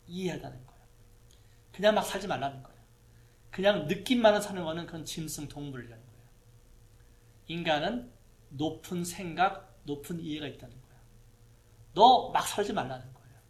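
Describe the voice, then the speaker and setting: A man's voice: a little high, animated, a little fast, long pauses. A man preaching a sermon, talking to the congregation conversationally and asking them rhetorical questions. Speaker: pastor. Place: church hall with a projector.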